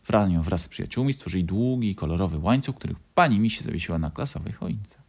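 A man gently narrating a children's storybook. His low voice carries a creaky, husky grain, and his intonation moves in a lively, expressive way. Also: quick pace.

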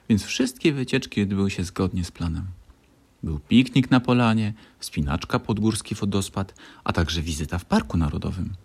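Calm man reading a bedtime story. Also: low voice. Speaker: narrator. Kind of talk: scripted bedtime story narration.

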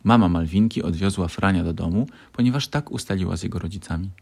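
A man narrating a children's bedtime story in a calm, expressive reading voice. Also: low-pitched, fast talker, gravelly, breathy edge.

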